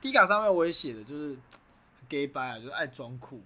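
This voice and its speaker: A woman's voice: low-pitched, lively intonation, brisk, bright, forceful tone. A woman in her twenties with a Taiwanese Mandarin accent, co-hosting a podcast in casual, joking, self-mocking chat. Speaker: podcast co-host.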